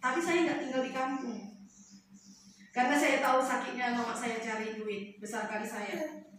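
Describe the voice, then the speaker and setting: A woman's voice: on the high side, normal speed, fairly bright tone, slight background noise. A woman preacher giving a chatty sermon, telling stories and asking the congregation questions. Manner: chatty, storytelling, asks the audience questions. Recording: echoey hall, mic far off.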